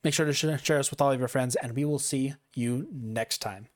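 A young man hosting a casual podcast, talking at an everyday pitch. He rambles, makes fun of himself and laughs easily. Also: a little fast. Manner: rambling, self-mocking, laughs often. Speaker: podcast host.

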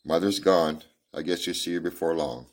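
A man reading the part of a weary frontier man, gentle with a child, in a folksy drawl. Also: low voice, normal speed, natural voice. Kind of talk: amateur audiobook reading.

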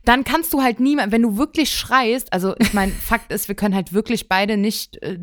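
Eine junge Frau, die als Co-Host im lockeren Podcast laut und sprunghaft erzählt, oft mit Neuanfängen. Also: female voice, a little high, moderate pace, no echo. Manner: rambling, restarts, loud. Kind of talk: casual chat. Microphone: close podcast mic.

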